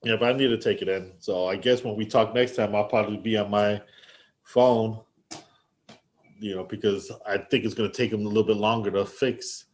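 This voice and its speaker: A man's voice: fairly low pitch, fairly even intonation, a little fast. A man co-hosting a casual podcast over a remote call, teasing his partner and laughing a lot. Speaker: podcast co-host. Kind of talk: casual banter. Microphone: headphones, remote call.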